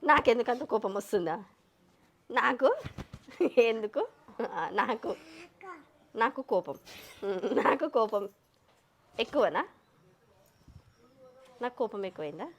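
A woman's voice: on the high side, lively intonation, slow pace, long pauses, a little hiss or hum. A woman, playfully calling out guesses in a casual family game. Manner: playful, repeats guesses aloud, laughs. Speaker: vlog host, guessing player.

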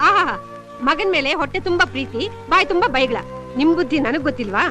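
A woman's voice: high voice, animated, quick pace, sharp tone, faint music behind. A doting, pleading mother. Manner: pleading, defending her son. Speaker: the hero's mother. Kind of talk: Kannada film dialogue.

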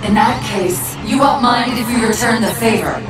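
A woman's voice: fairly high pitch, moderate pace, lightly acted. Female AI companion, actress: resolute, defiant, roomy cutscene audio with score. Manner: firm, defiant. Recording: game cutscene with music, reverberant.

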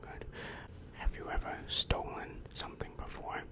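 Slow, measured questions come in a whispered, breathy voice as a young man roleplays a demon counselor for ASMR. He sits indoors in a small, dim room, leaning very close to a large microphone.

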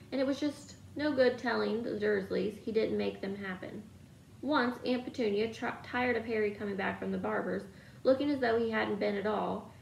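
Gravelly woman reading a story aloud. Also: fairly high pitch, reverberant, a little hiss or hum, low-quality recording. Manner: steady storytelling. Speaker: reader.

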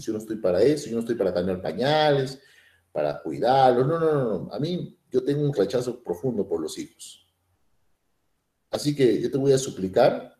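A strutting, domineering little male pinworm, as a man puts him on, full of himself and bossing his mate. His voice is mellow and dark, bouncing around an echoey room. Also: mid-range voice, natural voice. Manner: boastful, domineering, smug. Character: small bossy macho male pinworm.

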